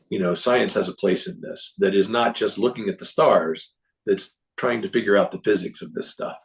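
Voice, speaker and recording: Guy with a low raspy voice chatting through a conference recap, lots of restarts. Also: rough recording. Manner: rambling, restarts, clears throat often. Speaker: presenter reporting on a symposium. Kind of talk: casual talk to a group.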